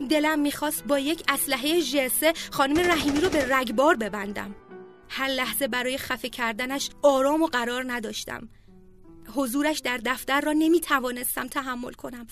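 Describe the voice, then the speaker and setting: A woman narrating a personal memoir in a heartfelt, measured reading style. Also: high voice, fairly bright tone. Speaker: storyteller. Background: faint music.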